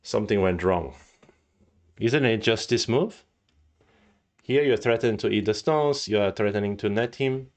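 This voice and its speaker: On a live stream, a man teaches go and thinks aloud while solving go problems, musing casually. His voice is lowish and slightly stuffy-nosed, at normal speed with frequent pauses.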